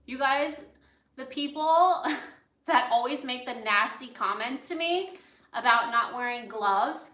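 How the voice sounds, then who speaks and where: High-pitched and animated, her voice moves at a slow pace and sounds pushed and bright. She's an American chef who grew up in Los Angeles, hosting a cooking livestream and chatting loosely with asides as she cooks. The indoor acoustics are roomy and echoey.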